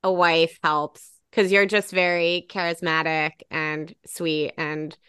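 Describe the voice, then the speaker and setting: Smooth, low-voiced woman host. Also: little pitch movement, slow pace, pushed and bright, no room sound, studio quality. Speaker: podcast host. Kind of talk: casual chat.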